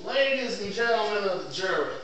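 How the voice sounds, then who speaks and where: In an echoey theatre, picked up by a distant mic with faint noise, a stage actor plays an impassioned lawyer pleading to a jury. His high-pitched, sing-song voice moves fairly quickly in grandiloquent, declamatory oratory. The mood is earnest and solemn.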